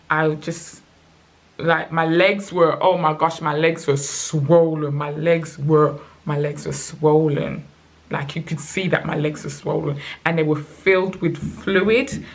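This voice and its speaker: Woman in her twenties, lower voice, animated personal storytime vlog. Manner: emotional, animated retelling with acted quotes. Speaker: vlogger.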